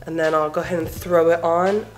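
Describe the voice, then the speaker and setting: Low-pitched and steady, this young woman talks fairly quickly in a casual crafting vlog filmed around her bedroom and living room. She's a crochet vlogger in her twenties, nasal from a head cold, eager and filler-heavy, with faint music behind her.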